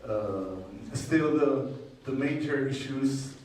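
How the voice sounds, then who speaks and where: At a conference, a Czech university groundwater modeler presents technical material slowly and haltingly, at medium pitch, with frequent long pauses breaking up his phrases. Though hesitant, his delivery is animated and a little mellow, and his Czech accent is clear. The distant mic picks him up in a strongly echoing indoor hall with faint noise.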